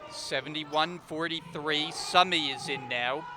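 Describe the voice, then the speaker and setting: Man calling basketball play-by-play. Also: fairly high pitch. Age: 30s. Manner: brisk, rising on big plays. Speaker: play-by-play commentator. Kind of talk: live basketball commentary. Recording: noisy gym background.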